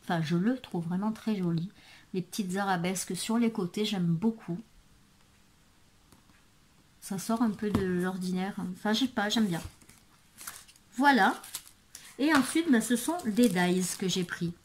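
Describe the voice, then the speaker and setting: A woman presenting craft supplies in a casual video, hesitant and full of fillers, murmuring softly while she handles things. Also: mid-range voice, unhurried, long pauses, slight background noise. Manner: hesitant, many fillers and restarts. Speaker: craft vlogger. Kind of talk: casual product show-and-tell.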